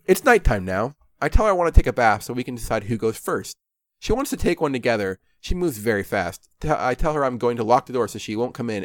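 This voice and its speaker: A man's voice: mid-range voice, no echo. A man narrating a game playthrough in a sarcastic, self-mocking way.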